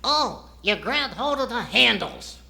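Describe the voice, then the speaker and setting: Squeaky boy ventriloquist dummy, cheeky and naive, bright, swooping delivery for stage comedy. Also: very animated, measured pace, gravelly, slight background noise, full character voice. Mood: earnest, cheeky. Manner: cheeky, naive comic answers.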